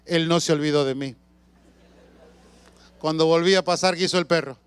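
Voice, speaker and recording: A man preaching a sermon as a pastor, telling stories with shouts and sound effects and asking the congregation questions. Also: on the high side, fairly even intonation, normal speed, clear, resonant tone, no echo. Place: church.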